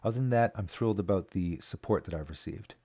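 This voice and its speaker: This local community advocate gives a casual spoken video update, talking plainly and earnestly with lots of fillers and restarts. His voice is low and somewhat dark, he speaks quickly, and the recording is dry.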